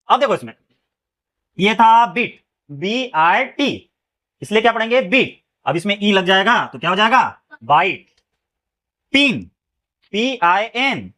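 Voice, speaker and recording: A man teaches phonics rules. He spells words out slowly, letter by letter, then stops to check that his students have followed. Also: high-pitched, pushed and bright. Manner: spells words letter by letter, keeps asking "clear?". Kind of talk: phonics lesson.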